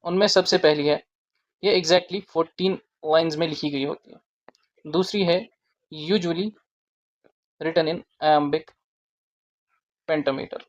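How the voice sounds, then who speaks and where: A teacher explaining a literature topic in a deliberate lesson, spelling out key terms word by word. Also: mid-range voice, muffled recording.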